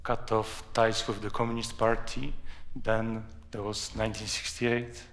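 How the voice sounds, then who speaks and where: Polish guy w accent, slow n creaky voice, telling personal stories, pauses a lot. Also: fairly low pitch, level tone, a bit bright. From Poland. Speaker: author, guest. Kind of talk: anecdotal storytelling at a live talk.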